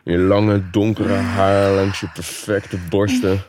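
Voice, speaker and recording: A man's voice: low voice, level tone, takes it slowly, darkish tone, slight background noise. A man playing a teasing, doting lover in an intimate erotic audio drama. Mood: tender, teasing.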